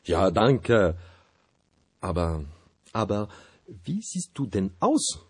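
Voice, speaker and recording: A man voicing a prim, squeamish character in a children's audio play, talking in a husky voice and repeating himself. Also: on the low side, wildly swooping pitch, takes it slowly, a little mellow, full character voice. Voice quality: husky, exclamatory. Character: fussy, squeamish man fond of French words.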